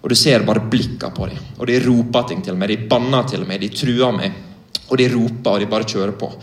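Earnest young Norwegian preacher, echoey room. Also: male voice, on the low side. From Norway. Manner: vivid storytelling, direct and earnest. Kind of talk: sermon testimony.

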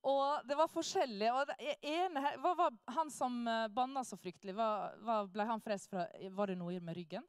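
A woman tells a church testimony in a lively, animated way and acts out the people she quotes. Her voice sits a little high. The sound is dry and close, with no room echo. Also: hardly any pauses, smooth. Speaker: speaker sharing a testimony. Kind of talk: lively personal storytelling.

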